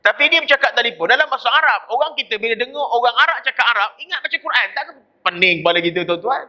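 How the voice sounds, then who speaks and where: A man's voice: extremely high pitch, very fast. A man with a Malaysian Malay accent giving a dawn mosque lecture as a religious teacher, telling stories with quoted voices. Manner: lively storytelling with quoted voices. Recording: dull lo-fi recording.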